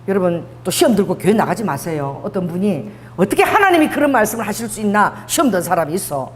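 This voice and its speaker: A middle-aged woman pastor from Busan, South Korea, preaches a sermon in a mid-range voice at a fast clip, speaking with a Busan dialect. She tells stories animatedly, acts out the dialogue, and laughs often. The church sanctuary gives the recording a long hall reverb.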